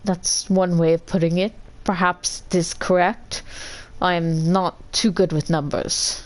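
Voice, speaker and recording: A woman's voice: on the low side, flat delivery, measured pace, natural voice. A woman voicing a struggling male tavern keeper in a put-on accent she cannot place, giving defensive, hesitant excuses. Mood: pleading.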